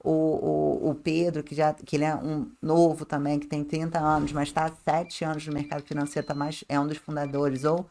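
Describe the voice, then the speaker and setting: A woman's voice: deep voice, level tone, normal speed, few pauses, mellow, slight background noise. A woman with a Rio de Janeiro Brazilian accent and slightly tongue-tied diction, talking casually as a guest adviser on a podcast in a chatty, colloquial way. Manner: chatty, colloquial, acts out clients' remarks.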